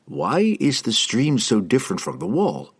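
A man voicing a calm, grave male elf who speaks in a measured, thoughtful way. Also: mid-range voice, vocal fry, husky, heavily acted.

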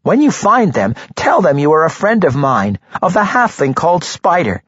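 Man doing a quick, high halfling voice. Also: big pitch swings, a bit bright, breathy edge, no echo, highs cut off, exaggerated voice. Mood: urgent.

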